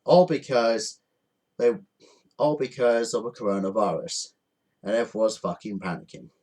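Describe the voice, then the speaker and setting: A man's voice: lowish voice, moderate pace, a little mellow, slightly rough. A man ranting angrily to camera from home, swearing often and repeating his points with indignation. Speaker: vlogger. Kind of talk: angry rant to camera. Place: indoors at home.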